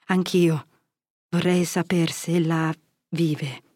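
A woman's voice: lowish voice, flat delivery, takes it slowly, warm tone, no echo, clean studio sound. A woman reading an audiobook, voicing a grave elderly male friar whose solemn words turn to severe rebuke. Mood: grave, gentle. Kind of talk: audiobook character voice.

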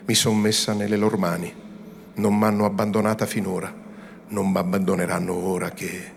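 A man's voice: low voice, flat delivery, moderate pace, vocal fry, a little hiss or hum. Man voicing a tearful young devout woman. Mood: tearful pleading. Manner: soft, earnest and imploring.

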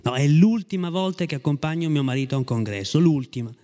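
A man's voice: fairly high pitch, expressive, quick pace, mellow, close to an everyday voice. A man reading a fed-up, bitter wife. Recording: long hall reverb.

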